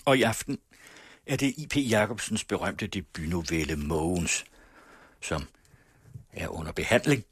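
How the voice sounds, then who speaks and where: Man, husky low voice, measured literary reading, dry radio studio. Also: expressive, no room sound.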